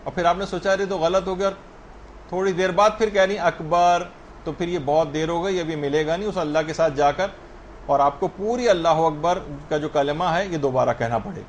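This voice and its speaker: A man's voice: on the high side, slight background noise. A man giving a religious lesson on prayer rulings, explaining step by step and answering questions he raises himself. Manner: spells out correct pronunciation slowly. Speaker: religious teacher.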